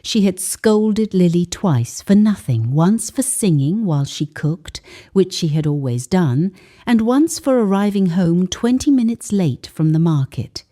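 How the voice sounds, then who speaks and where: Dramatic, weighted pauses mark this woman's deliberate, measured reading of a scripted folktale. As the storyteller, she has a lowish, mellow voice that is expressive.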